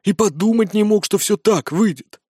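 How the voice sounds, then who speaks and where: A man's voice: high-pitched, normal speed, dark tone, breathy edge, dry recording, studio quality, voice pushed up. Man voicing a fretful nobleman father. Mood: remorseful. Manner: fretful, self-reproaching. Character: flustered middle-aged nobleman father, remorseful.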